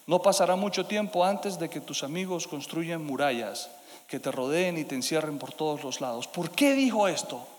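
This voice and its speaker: Preacher guy, high voice, goes loud then hushed, long echoey hall. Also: animated, normal speed. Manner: dynamic preaching, swinging between loud emphasis and hushed asides. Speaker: pastor. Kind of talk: sermon.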